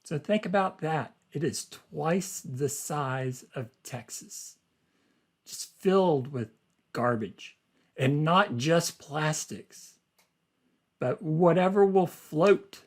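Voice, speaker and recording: An expressive man reads aloud in a teacher's manner for a class. He keeps his pace very slow and deliberate, sticks to simple phrasing and short explanations, and his voice sits fairly high for a man.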